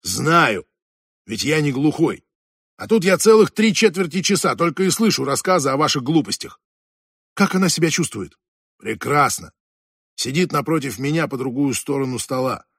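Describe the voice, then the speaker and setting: A gruff middle-aged inspector, read by a man, barks short, impatient demands. His voice is husky and a little high for a man. The sound is dry and close, as in a studio audiobook. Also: lively intonation, normal speed, a bit bright, dry recording, full character voice. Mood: sardonic. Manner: brusque, impatient, calls the other fool. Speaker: police inspector.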